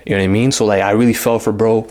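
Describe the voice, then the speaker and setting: A man's voice: fairly low pitch, steady tone, racing, a little mellow. A young man telling a casual storytime, rambling in heavy slang and acting out what people said. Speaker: vlogger.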